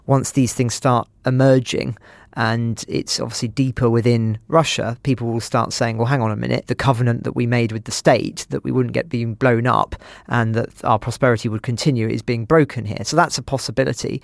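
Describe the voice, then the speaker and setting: A man's voice: mid-range voice, vocal fry, dry recording, studio quality. A man speaking as a podcast commentator, reflective and analytical. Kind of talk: podcast discussion.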